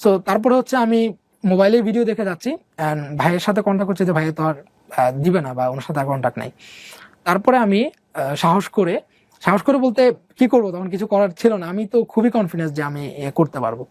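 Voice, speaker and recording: This young man from Bangladesh talks about his own life in a casual, meandering way, leaning on fillers and English words. His high-pitched voice is expressive, a little mellow and a little fast, with no echo.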